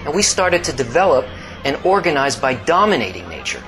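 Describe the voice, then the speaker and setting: A man giving slow, scripted documentary-style narration, swinging between hushed low passages and emphatic rises. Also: poor audio. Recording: steady background hiss.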